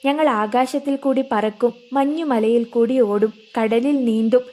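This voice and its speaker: A woman's voice: on the high side, fairly even intonation, unhurried, mellow, soft background music, close to an everyday voice. A woman reading as a boastful drunk father. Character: doting drunken father, middle-aged man.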